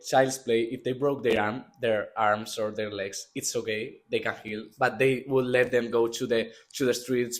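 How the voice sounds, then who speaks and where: A young man from Spain, a student athlete answering interview questions casually, rambling and restarting his phrases. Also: medium pitch. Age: young adult.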